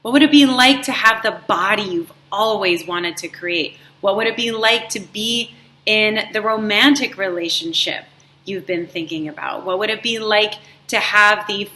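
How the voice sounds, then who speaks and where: Bright-voiced woman coaching viewers. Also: mid-range voice, a little hiss or hum. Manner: warm, encouraging, drawn-out emphasis on words. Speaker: life coach and show host. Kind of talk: motivational talk to viewers. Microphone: live stream setup.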